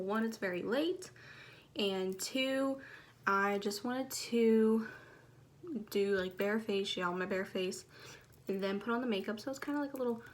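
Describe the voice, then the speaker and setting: A soft, quiet-spoken woman chatting casually through a makeup tutorial, recorded on a phone. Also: fairly high pitch, a little hiss or hum. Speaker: beauty vlogger.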